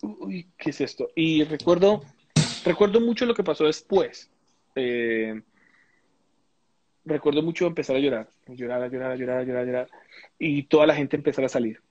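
A man recounts his personal experience as a guest on a live interview. His voice sits somewhat high, and he pauses, searches for words and restarts often. The audio is dry and a little muffled, like a live-stream feed. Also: a little mellow, dry recording. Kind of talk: casual testimony in a live interview.

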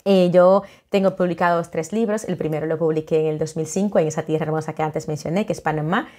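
A middle-aged woman from the Dominican Republic, an author who talks warmly and chattily into a webcam at home, with many fillers and restarts. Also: sits low, steady tone, fast talker. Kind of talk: casual video greeting. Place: home living room, indoors.

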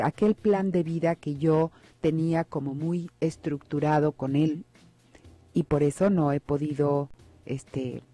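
A woman's voice: low voice, warm tone, no room sound. A woman hosting a radio psychology show, talking reflectively and asking her listeners rhetorical questions. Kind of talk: radio advice talk. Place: radio studio.

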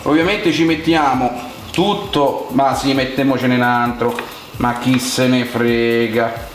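A man's voice: mid-range voice, steady tone, takes it slowly, slight background noise. A young man with a Roman Italian accent chatting colloquially to viewers as he hosts a casual cooking demonstration. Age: young adult. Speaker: cooking vlog host. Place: home kitchen, indoors. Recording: echoey room sound.

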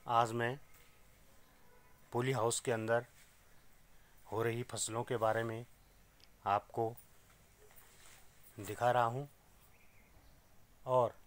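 A middle-aged man giving a casual vlog tour of his small organic farm greenhouse, explaining the crops to viewers as he films on a phone held at arm's length. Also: mid-range voice. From Uttarakhand, India. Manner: plain, explanatory, pointing things out to viewers. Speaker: organic farmer. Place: inside a small polyhouse greenhouse. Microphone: phone camera held at arm's length.

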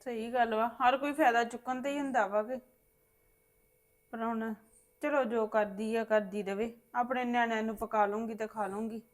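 Woman playing a calm visiting daughter. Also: fairly high pitch, normal speed, natural voice. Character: visiting married daughter, weary and conciliatory. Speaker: daughter in a family drama. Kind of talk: web series family drama acting.

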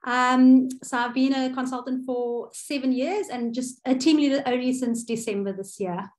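Woman, South African accent, chatty, lots of ums and restarts, video call mic, slightly high voice. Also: fairly even intonation, moderate pace, a little mellow. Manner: chatty, filler-heavy, self-correcting. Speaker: cooking workshop presenter. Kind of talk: online workshop over a video call.

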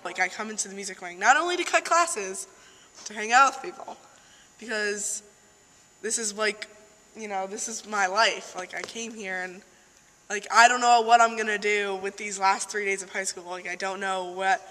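A young woman, a graduating high school senior, rambling and joking casually. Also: normal speed, sharp tone, big-room sound, poor audio. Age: young adult. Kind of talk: casual chat to camera.

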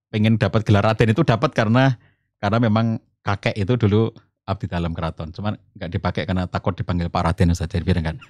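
A middle-aged man from the Solo region of Central Java, a family counselor speaking as a podcast guest in a calm, explanatory way, rising in pitch when stressing a point. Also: dry recording, clean studio sound. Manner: calm explanatory, addresses host as Ustaz, rises in pitch for emphasis. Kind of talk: conversational religious talk.

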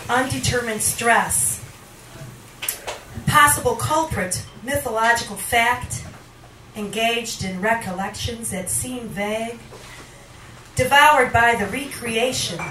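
A middle-aged woman, the featured poet at a reading, recites live into a handheld mic in a small wood-paneled bar, filmed from across the room. Her voice is on the high side and fairly bright, with dramatic, deliberate phrasing and pauses that sometimes turn sing-song. The distant, roomy live recording picks up background noise.

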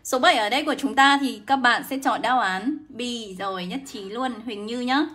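During a live English class, a young woman keeps greeting her viewers by name. Her tone is bright and a little high, and her delivery is quick and encouraging.

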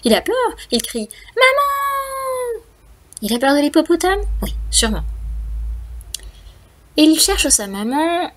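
A woman's voice: high voice, animated, a little slow, long pauses, a little hiss or hum. A woman storyteller reading a picture book aloud to young children, speaking to them directly and counting aloud with them.

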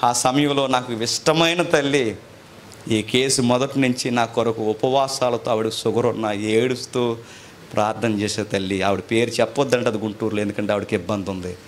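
A man preaching, telling his own testimony, who drops to hushed asides and then rises to loud emotional peaks. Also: mid-range voice, fairly even intonation, normal speed, a little hiss or hum. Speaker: pastor.

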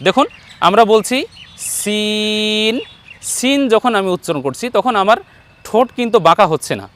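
High-voiced man teaching slow pronunciation. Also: lively intonation, fairly bright tone. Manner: patient, repeats letters slowly for viewers to copy. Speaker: Quran teacher. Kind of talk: online letter-by-letter pronunciation lesson.

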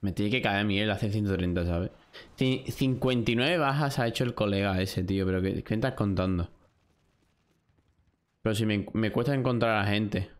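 Young man, Spanish accent, fairly low voice, frustrated live gameplay commentary, cursing at rivals. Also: moderate pace. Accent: Spain Spanish. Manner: frustrated, swearing, talking to himself and chat. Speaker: gaming streamer.

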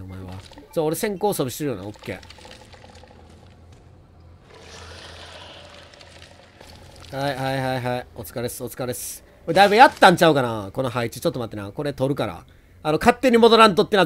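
Young male let's-play commentator, Kansai accent, high and animated, excitable and taunting. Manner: excitable, yells and taunts at enemies. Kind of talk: gameplay commentary.

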